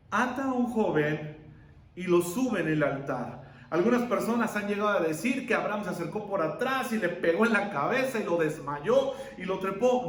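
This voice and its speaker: A male pastor preaching a sermon, asking rhetorical questions and pausing for effect. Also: sits high, roomy sound.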